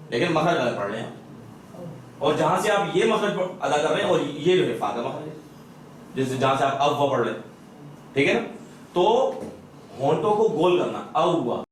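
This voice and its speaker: A man teaching Quran recitation in a madrassa classroom. He quizzes students over and over and slowly demonstrates each sound. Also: fairly high pitch, slight background noise. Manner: drills students with repeated questions and slow sound demonstrations. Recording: echoey classroom from far off.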